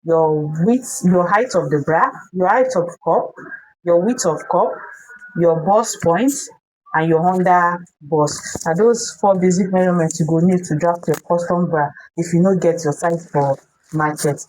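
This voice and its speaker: A woman's voice: on the low side, measured pace, a little mellow, poor audio. A woman with a West African accent giving a hands-on tutorial in Pidgin English, repeating phrases and checking that viewers follow. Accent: West African, speaking Pidgin English. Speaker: sewing tutorial host.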